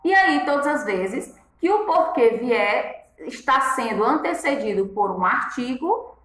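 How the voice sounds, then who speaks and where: A woman's voice: a little high, echoey room, rough recording. A woman teacher going through exercise answers one by one, patiently repeating each rule and checking in with her students. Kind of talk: classroom lesson, correcting exercises.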